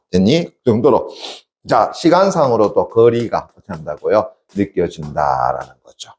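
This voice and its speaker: A male academy teacher giving an exam-prep literature lecture, constantly asking check questions and answering them himself. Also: a little mellow. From South Korea. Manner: acts out poem lines with sudden high dramatic dialect.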